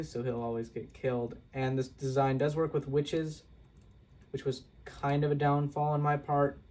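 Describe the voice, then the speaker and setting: A young Minecraft video creator casually walks through a game build, rambling, correcting himself, and tossing in self-deprecating asides. His voice is medium-pitched and a little mellow, with slight background noise.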